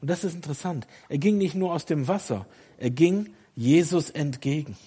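A middle-aged male preacher with a dark, mellow tone and a slightly husky edge. He delivers a sermon that moves from hushed, confiding passages to rising, urgent calls. He turns to the congregation with direct questions. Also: a little high, moderate pace. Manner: swings from quiet, intimate confession to loud, urgent exhortation.

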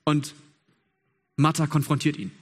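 A man's voice: fairly high pitch, level tone, unhurried. A man preaching a sermon in an earnest, emphatic way, with repeated phrases and rhetorical questions. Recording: long hall reverb.

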